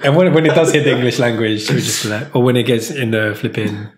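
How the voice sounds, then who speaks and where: A man's voice: mid-range voice, brisk. A jokey man co-hosting a casual podcast, hyping his friends up and laughing often. His medium voice rings in an echoey room. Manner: jokey, laughing, hype slang. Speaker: podcast co-host. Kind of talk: casual chat.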